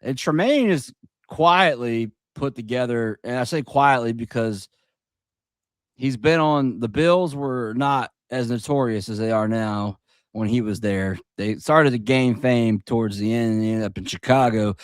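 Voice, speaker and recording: A man co-hosting a sports podcast in a relaxed, slangy way, calling his friend "dog.". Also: medium pitch, a little slow, smooth, no room sound. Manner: laid-back, slangy, calls people "dog". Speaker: podcast co-host. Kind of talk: casual chat.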